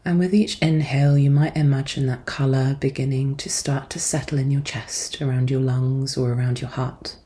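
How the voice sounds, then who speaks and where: Calm and measured, a woman guides a meditation much as a therapist might, soothing and gentle throughout. She has a relaxed, deep voice with a warm, dark tone and gives each instruction softly.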